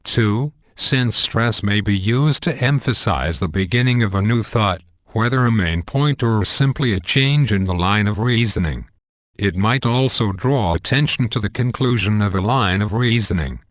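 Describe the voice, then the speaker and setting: A man with a fairly low voice reads a teaching text in a measured, deliberate way. The delivery is earnest and carefully paced. The recording is dry and close, with no room sound. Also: lively intonation, dry recording. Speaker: narrator. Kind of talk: scripted instructional narration.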